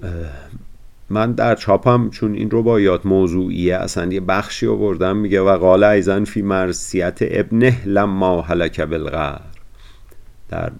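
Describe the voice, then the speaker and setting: A man with a very low, gravelly voice lectures on classical poetry as a scholar who edited the text. He recites each verse slowly and deliberately, then drops into plain, casual explanation. His voice has a rough, creaky texture throughout. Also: steady tone, a little mellow. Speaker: literature scholar and editor of a poetry edition.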